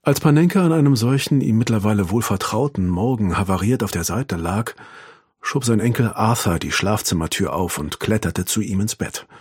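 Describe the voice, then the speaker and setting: A male audiobook narrator reading literary prose in a measured, expressive way. His voice is somewhat husky and moves lively through its pitch range. The recording is dry and close. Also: dry recording.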